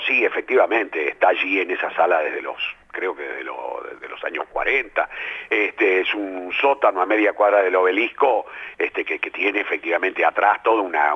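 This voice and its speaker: Heard over a lo-fi radio broadcast, an older man speaks in a deep voice with a breathy edge and a Rioplatense Spanish accent. A playwright and theatre director, he mulls over the interviewer's questions in a lively, thoughtful way, leaning heavily on fillers.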